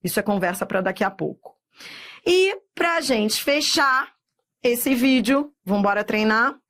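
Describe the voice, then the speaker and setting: A middle-aged woman with a Brazilian Portuguese accent, teaching a recorded exam-prep lesson and drawing words out slowly, often checking in with "tá?". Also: on the high side, expressive, a bit bright. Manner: slow, drawn-out spelling of words with frequent checks like "tá?".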